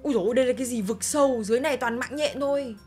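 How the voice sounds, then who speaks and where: A woman co-hosting a game video, excitably narrating what happens as she plays. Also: high voice, very fast, faint music behind. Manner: excitable, narrates the story aloud. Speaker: gaming channel co-host. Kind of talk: casual game commentary.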